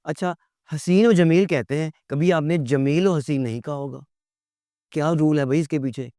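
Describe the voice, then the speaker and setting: A male teacher lectures in a slightly high voice, asking rhetorical questions and answering them himself. He slows down to spell words out letter by letter. The sound is dry and close, with no room echo. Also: warm tone.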